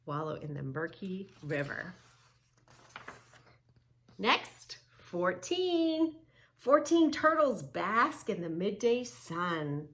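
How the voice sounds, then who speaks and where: In a little high, somewhat bright voice, a woman who teaches yoga reads a children's book aloud. She turns it into a read-along with movement instructions and counting, and cheers young listeners on with questions, repetition and simple directions.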